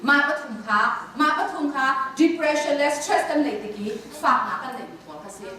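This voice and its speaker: A woman's voice: high-pitched, expressive, normal speed, bright, forceful tone. Woman lecturing in a roomy echoing hall. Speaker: conference speaker. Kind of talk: lecture on counseling. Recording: echoey hall from far off.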